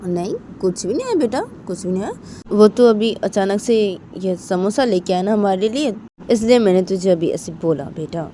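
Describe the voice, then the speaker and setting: A woman's voice: animated, normal speed, slight background noise, close to an everyday voice. A woman voicing a worried middle-aged mother who pleads with her child. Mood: coaxing. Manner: pleading, higher and louder than the narration.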